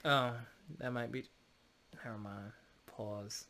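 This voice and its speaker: A man's voice: on the low side, fairly even intonation, takes it slowly, pushed and bright. A man hosting a podcast in casual chat, laid-back and slangy with a teasing streak. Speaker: podcast host.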